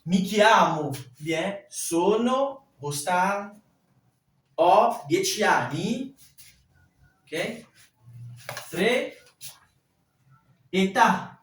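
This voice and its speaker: A man teaching a language class, explaining exercises slowly and deliberately, step by step. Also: high-pitched, lively intonation. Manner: slow, deliberate, spelling out each step. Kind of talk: classroom instruction. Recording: echoey room from a distance, faint hiss.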